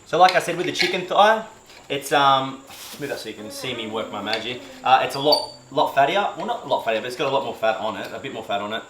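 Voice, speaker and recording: A fitness vlogger with a mid-range, animated voice talks quickly while doing meal prep in his home kitchen. He jokes at his own expense and rambles with plenty of fillers, recorded on a camera mic by a helper in a roomy space with faint cooking sounds.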